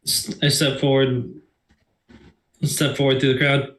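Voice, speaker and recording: A man's voice: medium pitch, little pitch movement, unhurried, a bit bright. A man joins a tabletop game, hesitant and often restarting phrases. His voice sits mid-range. A roomy echo hangs around the sound. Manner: hesitant, repeating himself. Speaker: player. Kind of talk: casual tabletop play.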